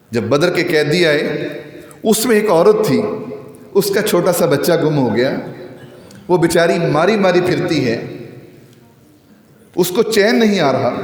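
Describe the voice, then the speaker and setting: A man giving a Friday sermon with great passion, his voice swinging widely in pitch and slowing down to recite scripture. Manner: impassioned, with wide swings in pitch. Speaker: preacher. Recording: echoey hall with long reverb.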